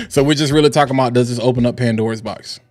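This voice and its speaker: A man hosting a livestream, ranting in an animated, hyped way that swings from loud to low and calm. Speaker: livestream host. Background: faint background music.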